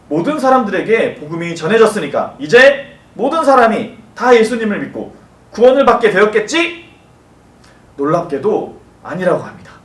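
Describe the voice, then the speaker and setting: A man gives a lively children's sermon, asking questions and tossing in playful asides. His voice sits high and swings widely in pitch. He sounds distant from the mic, in a roomy, echoing church space. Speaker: children's ministry preacher. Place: church worship room. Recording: roomy echo from far off the mic.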